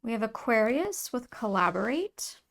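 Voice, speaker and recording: A woman giving an earnest, emotional tarot reading to her viewers, soft-spoken, with many fillers and restarts. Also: fairly high pitch, big pitch swings, moderate pace, creaky. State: tearful at times. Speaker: tarot reader. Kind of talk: intuitive tarot reading to camera.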